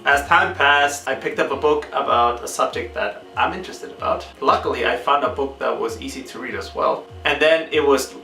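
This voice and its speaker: Young man, bright voice, earnest, measured, echoey room, mic a bit far off, faint guitar music. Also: mid-range voice, gravelly. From Peru. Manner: earnest, measured, sometimes searching for words. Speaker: book channel host. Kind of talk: casual vlog, answering questions.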